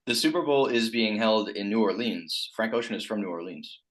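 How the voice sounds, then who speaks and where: A man's voice: lowish voice, animated, brisk, fairly bright tone. A young man co-hosting a podcast in casual banter, rambling and crude, often losing his thread. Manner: rambling, crude, trails off and restarts. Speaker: podcast co-host.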